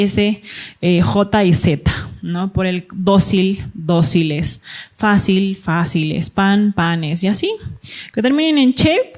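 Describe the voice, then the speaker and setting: A woman's voice: medium pitch, darkish tone. A woman teaching a grammar lesson, explaining step by step and checking understanding with short questions.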